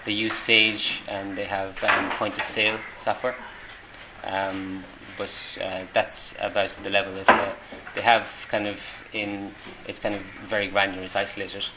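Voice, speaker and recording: Man, irish accent, middle-aged, hesitant, monotone, background noise. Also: on the low side, normal speed. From Ireland. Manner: hesitant, many ums and restarts. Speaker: interviewee, volunteer. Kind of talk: casual interview. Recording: noisy room ambience.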